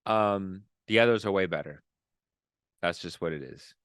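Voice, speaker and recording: A man's voice: low voice, normal speed, fairly bright tone, clear, resonant tone, no echo, clean studio sound. A man co-hosting a podcast, chatting casually with playful exaggerated jokes. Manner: joking, laid-back, playful exaggeration. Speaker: podcast co-host. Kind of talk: casual chat.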